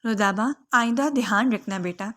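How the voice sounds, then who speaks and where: A woman voicing a caring, gently teasing middle-aged mother in a read-aloud romance story. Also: medium pitch, close to an everyday voice.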